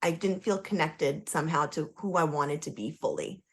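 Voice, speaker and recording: A woman's voice: low-pitched, moderate pace, fairly bright tone. A woman, a guest coach telling her story on a podcast in a candid, emphatic way. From Toronto, Canada; born in Trinidad and Tobago. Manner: candid, emphatic, with frequent "like" fillers. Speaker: guest, human design coach.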